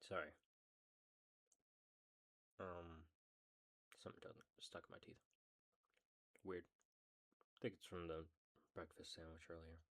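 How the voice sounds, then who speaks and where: A man's voice: deep voice, little pitch movement, takes it slowly, pauses often, fairly bright tone. A man casually reading a book aloud, with swearing side remarks.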